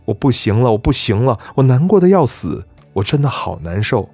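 A man's voice: medium pitch, very animated, a little fast, a little mellow, no room sound, soft background music. A man voicing a heartbroken young man who is crying on the phone. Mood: distraught.

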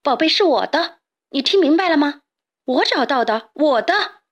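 A woman voicing a pudgy little chick who yells stubbornly, high and loud, clinging to what he found. A spoiled storybook character. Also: lively intonation, normal speed. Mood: defiant. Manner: stubborn, shouting. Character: spoiled little male chick guarding his treasure.

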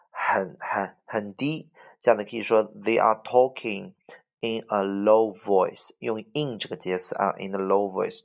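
A man's voice: lowish voice, gravelly. A man teaching a vocabulary lesson, going word by word and repeating each English word with pronunciation. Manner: explains word by word, repeats English words with Chinese fillers.

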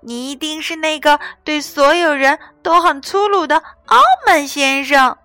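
A woman voicing a tiny mischievous male elf in a storybook reading, high, light and teasing. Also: unhurried, pushed and bright, dry recording, soft background music.

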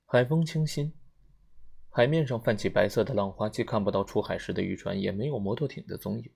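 A man reading an audiobook in a steady, measured way. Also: on the low side, vocal fry. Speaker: audiobook narrator.

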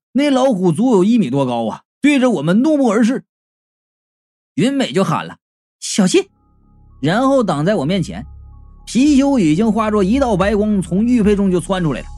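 A storyteller narrating a comic serialized tale in a lively, animated way, acting out each character. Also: medium pitch.

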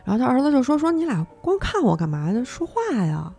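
A young woman hosts a horror story podcast, her voice low, gravelly and a little husky. She narrates animatedly and jumps her pitch around to act out each character's lines. Faint music plays softly behind her. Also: big pitch swings, quick pace.

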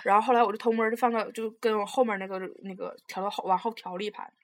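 A young woman, telling a story in casual chat, rambling and animated with lots of restarts. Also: medium pitch, rapid-fire, a crowd in the background. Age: young adult.

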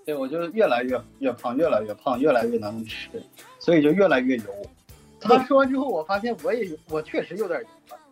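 A man co-hosting a casual podcast chat. He tells his stories haltingly, stumbling over repeated words, and his pitch rises and falls a great deal. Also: expressive, faint music behind. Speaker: podcast co-host.

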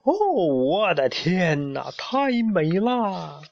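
A man's voice: mid-range voice, big pitch swings, close to an everyday voice. Luspero, a man doing a nosy dazzled bird. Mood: entranced. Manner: drawn-out wondering exclamations. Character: curious male bird, nosy and easily dazzled. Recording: dull lo-fi recording.

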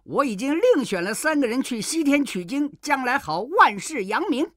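A woman's voice: high voice, big pitch swings, moderate pace, fairly bright tone, dry recording, clean studio sound, pitched above the performer's own voice, heavily acted. A woman voicing a brash, hot-tempered male monkey king in a children's storybook reading, squealing and boastful.

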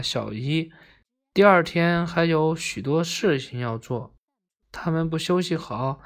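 A storyteller reading a bedtime story aloud in a gentle, unhurried way. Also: medium pitch.

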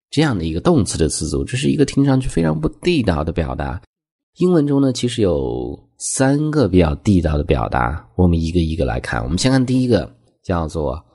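A man teaching English phrases in a scripted lesson. He reads the English examples slowly and at a higher pitch, and explains quickly in Chinese. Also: a little mellow, husky.

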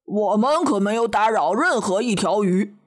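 A woman's voice: mid-range voice, animated, moderate pace, a little hiss or hum, lightly acted. A woman voicing a timid, cautious male doctor in a children's storybook, fretful and jumpy. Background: music.

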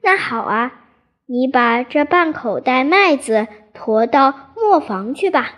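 A woman voicing a kind old mother horse, gentle and patient. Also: high-pitched, expressive, slow pace, full character voice. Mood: pleased.

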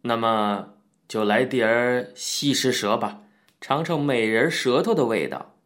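A man voicing a gruff middle-aged martial arts coach who scolds and jokes bluntly, in an audiobook reading. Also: mid-range voice, a little slow, fairly bright tone, lightly acted. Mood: jovial. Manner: brusque, scolding, boisterous joking. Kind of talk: audiobook character voice.

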